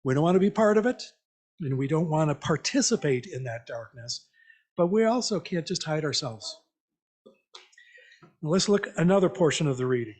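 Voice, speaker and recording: This man's voice is a little high and a little mellow, expressive and moderately paced, with frequent pauses. Preaching to a church congregation, he's conversational and reflective, posing questions and repeating listeners' answers.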